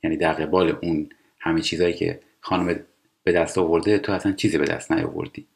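A man teaching English, explaining TV dialogue line by line and reading English phrases slowly and carefully. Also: sits low, level tone, gravelly. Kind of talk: language lesson explaining TV dialogue.

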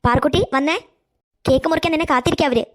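Brief: woman as a firm, caring cartoon aunt, rapid delivery, slightly high. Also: lightly acted. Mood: coaxing.

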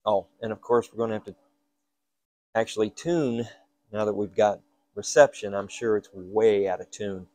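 Working in an indoor workshop, a man talks through a repair in loose fragments, as if partly muttering to himself; he hosts a hobby repair show. His voice is on the low side with a steady, darkish tone at a moderate pace, recorded without room sound.

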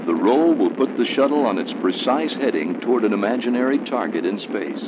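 Old documentary narrator guy, lowish voice, dull film sound. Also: expressive, brisk, very noisy.

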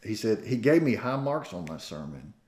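A pastor in his sixties with a Southern American accent preaches with a lower-pitched voice that swings widely in pitch. He tells folksy stories with self-deprecating jokes, and his voice rings through an echoey church sanctuary. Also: very animated, normal speed, darkish tone. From Southern United States. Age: 60s. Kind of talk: sermon.

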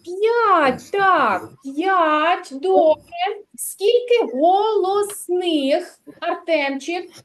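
High-voiced woman teaching small children. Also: animated, rough recording. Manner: slow, carefully articulated, coaxing questions to children. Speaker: kindergarten teacher. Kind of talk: literacy lesson for young children. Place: kindergarten classroom.

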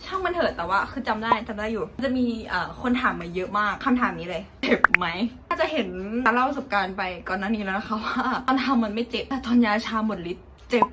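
A young woman vlogger telling a casual, animated story about her own experience, chatty and loose with slang. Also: mid-range voice, quick pace. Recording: loud background noise.

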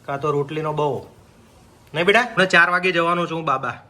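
A man's voice: fairly high pitch, quick pace, sharp tone. A man vlogging casually from his family home, chatty and teasing, talking to his viewers while feeling a bit feverish. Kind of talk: casual family vlog narration.

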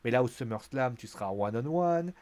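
A man's voice: mid-range voice, expressive, moderate pace, darkish tone. A man giving a casual, chatty recap of a wrestling show, full of fillers and acted-out quotes. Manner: chatty, lots of fillers, acts out quotes in a raised voice.

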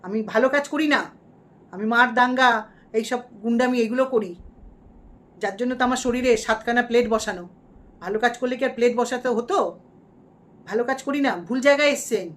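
A woman's voice: on the high side, fairly quick, pauses often, close to an everyday voice. A woman playing a boastful, shameless female vlogger villain who gloats in mock-defiant rants during a parody livestream. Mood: gloating.

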